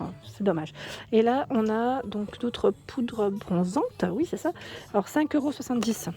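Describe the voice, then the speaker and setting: A woman with a French accent walks through a shop filming a vlog, reading out prices and chatting as she looks at products. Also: mid-range voice. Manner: chatty, reads prices aloud, thinks out loud. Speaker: shopping haul vlogger. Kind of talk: casual store walkthrough vlog. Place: indoors in a shop under ceiling spotlights.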